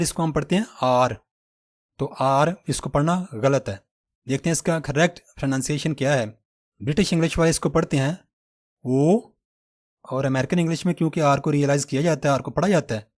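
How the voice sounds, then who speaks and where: A man with a Pakistani Urdu accent giving a scripted pronunciation lesson, slowly sounding out words. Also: a little high, darkish tone, dry recording, studio quality. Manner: slow, careful demonstration of words. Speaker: English pronunciation teacher.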